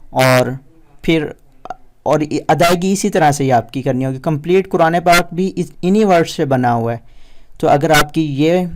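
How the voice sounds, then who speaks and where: A man with a Pakistani Urdu accent teaching Quran reading step by step, explaining in Urdu mixed with English words and drawing out each letter slowly. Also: on the high side, darkish tone. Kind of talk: step-by-step recitation lesson.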